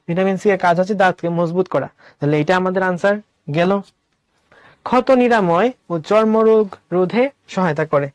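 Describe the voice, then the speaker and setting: A man's voice: high-pitched, no echo, clean studio sound. A male teacher giving an online class, explaining step by step, asking questions and answering them himself, with English words mixed into his speech. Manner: mixes English words into Bangla.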